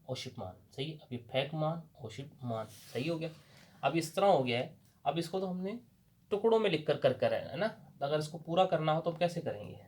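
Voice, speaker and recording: A man's voice: mid-range voice, a little mellow. A man with a Pakistani Urdu accent teaching a language lesson at a board, patiently asking questions and answering them himself.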